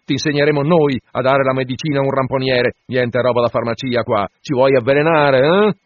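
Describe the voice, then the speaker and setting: A man's voice: medium pitch, animated, moderate pace, slightly rough, dry recording, voice pushed up. Blustering mocking ship's mate, a man doing it, raised voice, dry lo-fi radio read. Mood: indignant. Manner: loud, indignant, mocking rants. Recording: dull dry radio broadcast.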